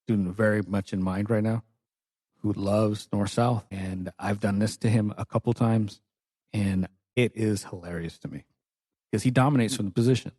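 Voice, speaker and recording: A man with a lowish voice talks casually on his own podcast as a jiu-jitsu coach. He is playful and joking, swears freely, and acts out his teasing lines in a mock-calm voice. The sound is dry and close on the mic. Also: moderate pace, no room sound. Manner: playful, joking, with crude language. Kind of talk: casual solo podcast monologue.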